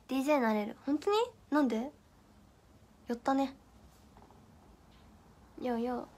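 Speaking slowly with long pauses, this young idol livestream host from Miyagi, Japan, has a high-pitched, slightly mellow voice. She chats casually, reads viewer comments, giggles and fumbles through tongue twisters.

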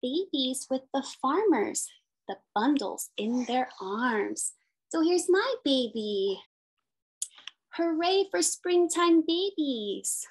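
Reading a picture book aloud, this special education teacher in her thirties speaks slowly in a high voice that swings widely in pitch. Her phrases are simple and sing-song, with questions aimed at young children, and the recording is rough.

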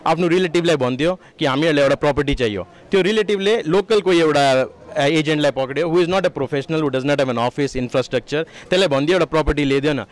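A man in his thirties, interviewed at an expo stall through a handheld mic, switches between English and Nepali while explaining his business. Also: fairly high pitch. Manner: fast, mixes English and Nepali, gestures with both hands. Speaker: sponsor, real estate firm head.

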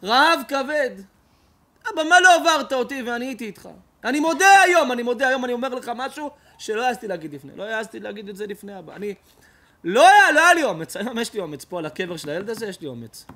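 A preacher voicing an elderly rabbi who grieves and pleads with God in an impassioned voice. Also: male voice, very high-pitched, lively intonation, bright, forceful tone, pitched above the performer's own voice, heavily acted. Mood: anguished.

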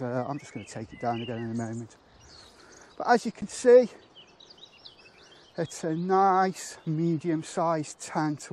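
A man casually demonstrating how to pitch a tent outdoors, chatting and thinking aloud with fillers, poking fun at himself. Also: a little mellow. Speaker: motorcycle touring reviewer.

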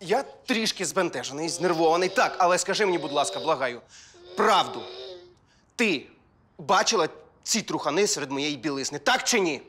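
Agitated jealous husband. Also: male voice, fairly high pitch, expressive, normal speed, bright, forceful tone. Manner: agitated, insistent questioning. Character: jealous, agitated husband, middle-aged man. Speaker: husband, former footballer. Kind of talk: TV drama acting.

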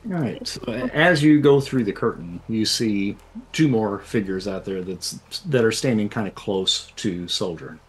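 A man runs a tabletop game, narrating scenes and playing the people the players meet. He talks in a relaxed, descriptive way with lots of fillers, and his voice sits on the low side. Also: unhurried. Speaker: game master.

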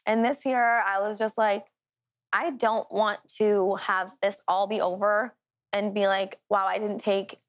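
Animated woman with heavy Dakota accent. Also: medium pitch, unhurried. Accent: North or South Dakota. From Dakotas, United States. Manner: animated, chatty, heavy use of "like". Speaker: reality show cast member, guest. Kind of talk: candid casual interview.

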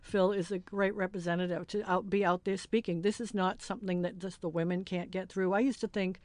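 A woman's voice: on the low side, steady tone, fairly quick, darkish tone, no echo. A middle-aged woman hosting a podcast, chatting candidly and emotionally as she wraps up an episode. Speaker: podcast host. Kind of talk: casual podcast wrap-up chat.

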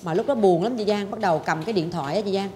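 A woman's voice: mid-range voice, fast talker, dark tone, slight background noise. A woman, hosting a talk show and dramatically telling a personal story, acting out her own past thoughts. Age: 40s. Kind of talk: confessional storytelling chat.

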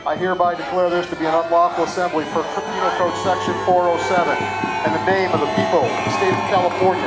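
Police lieutenant blasting orders over loudspeaker. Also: male voice, sits high. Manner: stern, slow, official commands. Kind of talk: formal dispersal order read aloud. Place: outdoors at a street protest. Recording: echoey outdoor loudspeaker amid loud crowd and music.

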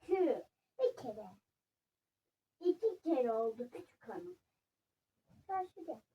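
A woman's voice: very high voice, expressive, slow pace, highs cut off. A young girl vlogging a game of rock-paper-scissors at home, playful and bossy toward a younger sibling. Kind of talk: casual kids' vlog. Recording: distant mic with faint noise.

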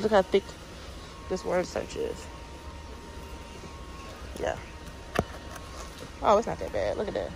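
Slow-talking woman browsing store aisles. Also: mid-range voice. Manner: chatty, lists items and prices as she browses. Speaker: shopping vlogger. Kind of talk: casual shop-with-me narration. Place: large warehouse store aisle, indoors. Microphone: handheld phone camera. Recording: noisy phone audio in a busy store. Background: store ambience and noise.

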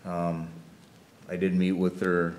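A man's voice: deep voice, monotone, slow, a little mellow, a little hiss or hum. A man on a watershed board giving a rambling, hesitant report at a meeting.

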